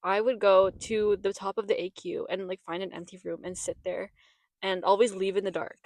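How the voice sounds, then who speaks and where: A woman's voice: mid-range voice, level tone, moderate pace, darkish tone, no room sound. A young woman hosting a podcast in casual chat, talking in a chatty, rambling way with restarts. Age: young adult. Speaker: podcast host. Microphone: podcast mic.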